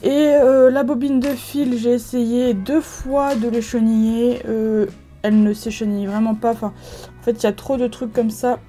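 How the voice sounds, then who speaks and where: A woman from France walks viewers through a crafting project in a relaxed, chatty way. She often stops on fillers and starts her sentences over. Her voice sits fairly high yet sounds mellow and warm. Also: moderate pace, soft background music. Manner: chatty, many fillers and restarts. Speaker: craft video creator. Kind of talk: casual crafting tutorial.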